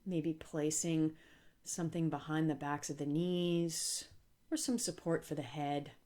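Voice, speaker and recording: Her voice sits low as she leads a guided relaxation in the role of a yoga teacher. The delivery is soft and calm, with intentional pauses.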